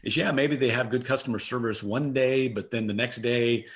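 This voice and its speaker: A man's voice: mid-range voice, steady tone, moderate pace. A middle-aged man answering interview questions as a guest, earnest and emphatic, repeating his key phrases. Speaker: interview guest, customer service consultant.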